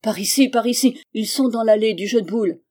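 A woman voicing a frantic, desperate bearded man who talks loudly. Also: mid-range voice, normal speed, close to an everyday voice. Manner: loud and desperate.

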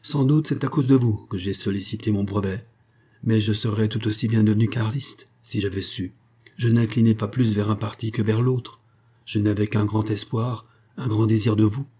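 Storybook role: male narrator doing a grave, bitter young officer, husky and low. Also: steady tone, mellow. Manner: grave, measured, growing harsh.

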